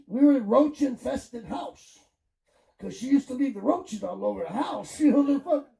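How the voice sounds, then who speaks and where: A man's voice: extremely high pitch, lively intonation, moderate pace, vocal fry, mellow. A middle-aged man from Chicago doing crude, rambling stand-up comedy with crowd work on a club stage. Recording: echoey club room, mic at a distance.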